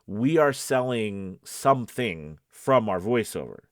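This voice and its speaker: Talking to camera as a video host, this man coaches informally in an animated but slow, lowish voice, regularly checking in with whoever's listening. The recording is dry and studio quality.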